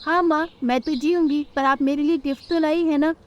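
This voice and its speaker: A woman doing a high, whiny little girl bird. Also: steady tone, normal speed, muffled recording, lightly acted. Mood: cheerful. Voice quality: high, childish whine.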